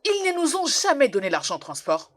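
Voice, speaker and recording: A woman's voice: high-pitched, huge pitch swings, a little fast, no room sound, soft background music. An actress playing a young servant woman who grumbles and complains in a French film dub. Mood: grumbling.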